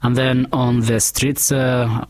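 A man, a guest in a casual interview, telling his story in an unhurried, reflective way. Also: medium pitch, little pitch movement, darkish tone. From Kenya.

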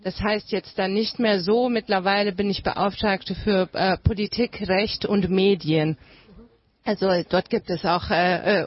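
A woman in her thirties, from Germany, answering questions as an interview guest in a lively, chatty way. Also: mid-range voice, highs cut off. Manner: lively, chatty, laughs easily. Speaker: guest, former graduate.

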